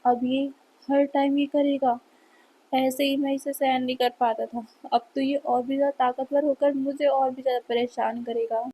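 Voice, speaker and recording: A cheeky young man who mocks and teases his partner, as a woman reads him aloud. The voice sits fairly high and mellow, with a soft husky edge. It comes across as a storybook read-aloud of fan fiction rather than full acting. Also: level tone, normal speed, rough recording. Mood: dismayed. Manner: teasing, mocking.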